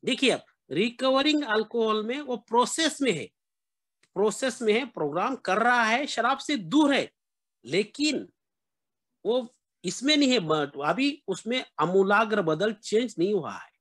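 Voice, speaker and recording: A middle-aged man with a noticeably high voice. He speaks earnestly to a support meeting, often turning to his listeners as friends. He drops in English words as he goes. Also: lively intonation, a little slow, a bit bright. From Maharashtra, India. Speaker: recovering member sharing at a meeting. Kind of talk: personal recovery sharing at an online meeting.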